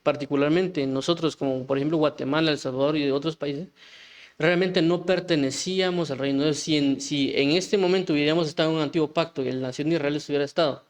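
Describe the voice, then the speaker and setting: Man preaching, fairly high voice. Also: steady tone, fast talker. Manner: conversational, many restarts and rhetorical questions. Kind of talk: informal sermon teaching.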